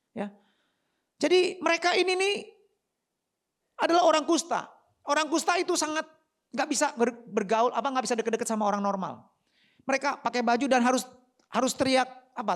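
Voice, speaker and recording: A woman pastor, preaching an animated, slangy sermon full of rhetorical questions. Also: a little high, a little fast, long pauses. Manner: slangy and conversational in the pulpit.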